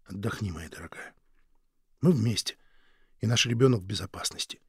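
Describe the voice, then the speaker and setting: A man's voice: lowish voice, moderate pace, darkish tone, breathy edge, dry recording, clean studio sound. Male reader as a desperate young father: sincere, pleading, unadorned. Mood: gentle. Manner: pleading, earnest.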